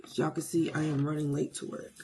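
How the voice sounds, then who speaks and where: In a flat, brisk delivery with a dark, mid-range tone, a beauty vlogger at home chats through a hair tutorial using sassy, playful slang to hype herself up. Noticeable background noise and clicks are present.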